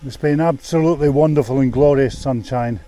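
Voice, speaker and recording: A man's voice: mid-range voice, fairly quick, warm tone. A man vlogging a mountain bike ride outdoors on hill trails, chatting and exclaiming at the trail as he rides. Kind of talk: casual narration while riding.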